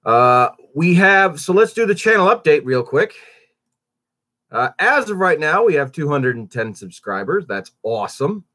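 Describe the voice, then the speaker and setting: A man's voice: a little high, moderate pace. A man hosting a casual morning update for his channel, sounding stuffy and under the weather, rambling with many fillers and restarts. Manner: animated, swoops up on greetings. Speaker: YouTube channel host.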